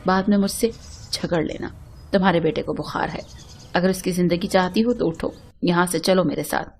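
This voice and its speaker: A woman voicing a calm, sorrowful wealthy young man in a spoken story, reading his lines in a quiet, steady, unhurried way. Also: lowish voice, creaky, a little hiss or hum, pitched below the performer's own voice.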